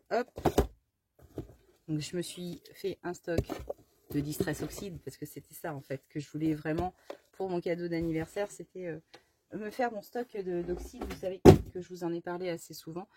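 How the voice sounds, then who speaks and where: A low-voiced woman, a craft vlogger, casually chats through a haul of her craft supplies with background noise behind her. She rambles, using many fillers and restarts, and stumbles over the English product names.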